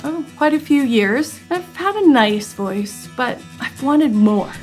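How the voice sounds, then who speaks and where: A woman in her sixties from Canada, giving a slow, deliberate personal testimonial about her singing. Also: high voice, animated, faint music behind. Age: 60s. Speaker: student testimonial.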